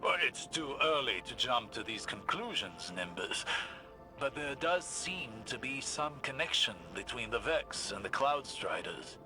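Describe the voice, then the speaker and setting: In this video game drama, a man portrays a serious, careful scholarly mentor, speaking formally, deliberately and thoughtfully. His pitch is mid-range with a sing-song quality, and music runs underneath.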